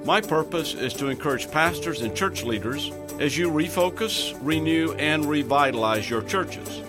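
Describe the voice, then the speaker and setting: A man's voice: on the high side, expressive, normal speed. Man reading a podcast intro over music. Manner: polished, read-aloud delivery. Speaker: podcast host.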